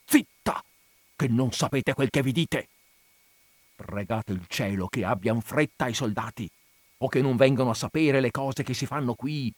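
A man's voice: mid-range voice, darkish tone, dry recording, pitched above the performer's own voice, natural voice. A man voicing a timid, fretful elderly village priest who scolds in a frightened hiss and fawns on his betters, in a dry recording.

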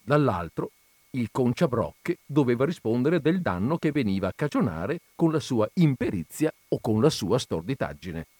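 Male reader, expressive narration, lively pitch, dry close recording. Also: moderate pace, no echo. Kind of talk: literary story reading.

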